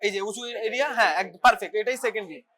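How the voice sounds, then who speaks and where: A clinical teacher giving a hands-on bedside demonstration, briskly instructing students step by step as they practise an examination. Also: medium pitch, crowd noise. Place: hospital teaching ward.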